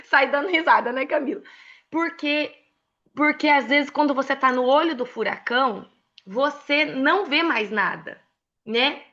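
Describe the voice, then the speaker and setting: Bright-voiced Brazilian woman, emotional storyteller. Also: high voice, unhurried, lo-fi sound. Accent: Brazilian Portuguese. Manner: emotional and expressive, laughs often. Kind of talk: casual mentoring talk with personal stories.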